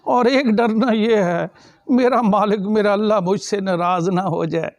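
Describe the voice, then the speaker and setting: A man's voice: high-pitched, measured pace, no echo. A man preaching a sermon and telling a story with emotive, emphatic pleas.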